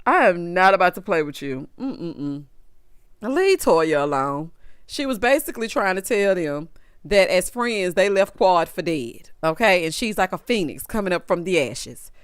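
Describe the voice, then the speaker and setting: A woman's voice: lowish voice, a little slow, clean tone, dry recording, clean studio sound. A woman hosting a reality TV recap with casual, sassy commentary full of slang and teasing asides. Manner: sassy, animated, drawling slang.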